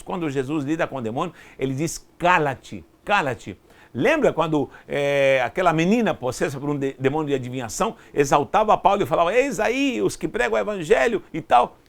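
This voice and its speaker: Male Bible teacher, high gravelly voice, emphatic lecture with rhetorical questions. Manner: emphatic, repeats himself, asks and answers rhetorical questions. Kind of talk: online Bible study lecture.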